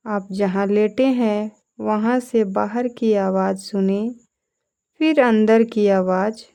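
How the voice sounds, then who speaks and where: A female instructor guides a yoga nidra meditation, calmly offering short, deliberate instructions. Her voice is medium-pitched with a gravelly texture.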